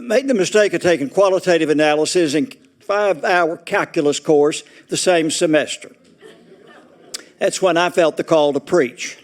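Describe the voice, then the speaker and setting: Older Southern man, retired preacher, folksy joker with a slightly high voice, laughs through his stories. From Arkansas. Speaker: retired Baptist preacher, guest speaker. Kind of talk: humorous after-dinner style speech. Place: meeting room at a retirement community.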